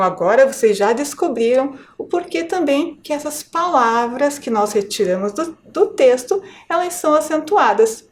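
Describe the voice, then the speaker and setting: A woman with a slightly high voice and a Brazilian Portuguese accent teaches children in a televised lesson as a primary school teacher. Slow, clear, syllable-by-syllable explanations are broken up by questions to check understanding.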